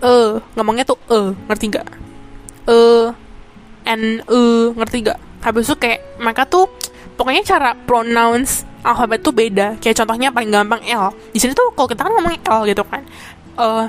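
A young woman tells a story in a casual, slangy podcast chat. Her voice sits a little high and stays animated. She keeps checking in with her listeners. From Indonesia. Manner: animated, slangy, often asks "get it?".

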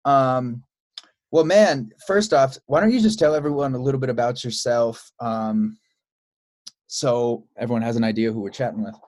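A man hosting a podcast, talking in a relaxed, loose way with many fillers and restarts. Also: mid-range voice, normal speed, no room sound, clean studio sound. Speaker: podcast host. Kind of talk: casual podcast chat.

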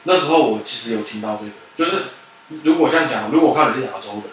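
A young man chatting casually as a podcast co-host, often cutting in with quick agreement. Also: medium pitch, animated. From Taiwan. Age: young adult. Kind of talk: casual chat. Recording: echoey room, mic far off, faint noise.

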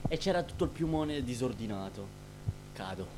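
Brief: young man, podcast co-host, hesitant slangy delivery, mid pitch, noisy humming recording. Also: moderate pace. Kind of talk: casual chat. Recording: noisy with a steady hum.

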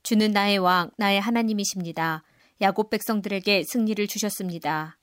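A woman giving a measured, solemn scripture reading. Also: mid-range voice, no echo, clean studio sound. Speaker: scripture reader.

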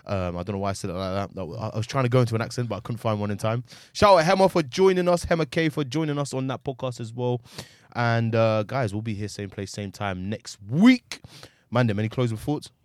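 A man's voice: mid-range voice, quick pace, few pauses, no echo, clean studio sound. A man with an urban London accent and matey, slangy delivery, hosting casual football podcast banter. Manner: slangy, matey street talk. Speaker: podcast host.

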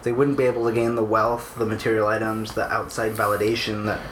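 A man's voice: on the low side, level tone, fast talker, a bit bright. A young man with a Californian accent, telling stories casually as a podcast co-host, with slangy, sweary wording. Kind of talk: casual chat, storytelling. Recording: roomy echo, faint background noise.

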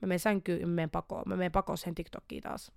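A woman's voice: lowish voice, little pitch movement, gravelly, darkish tone, no echo, clean studio sound. A young woman hosting a podcast, talking candidly and animatedly about her own struggles, often restarting and repeating words and slipping English words into her speech. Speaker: podcast host. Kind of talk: candid personal podcast monologue.

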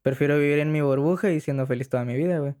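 Higher-voiced young man interviewing. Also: rapid-fire, a little mellow. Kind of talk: casual slangy conversation.

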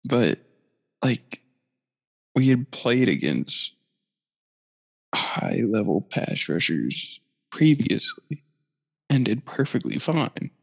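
A man's voice: mid-range voice, big pitch swings, slow, vocal fry, pauses often, husky. A man co-hosting a casual sports podcast, laid-back, swearing and laughing as he talks. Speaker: podcast co-host. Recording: roomy echo, dull lo-fi sound.

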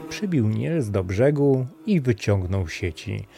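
Calm male storyteller, mellow voice. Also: lowish voice, slow, gravelly. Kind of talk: fairy tale narration. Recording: faint music underneath.

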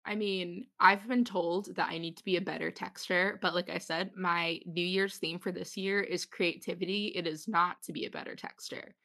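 A woman's voice: fairly low pitch, fairly even intonation, moderate pace, gravelly, hardly any pauses, bright, forceful tone. Young woman hosting a chatty podcast, giggly and upbeat. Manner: bubbly, giggly. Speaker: podcast host. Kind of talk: casual chat with friends.

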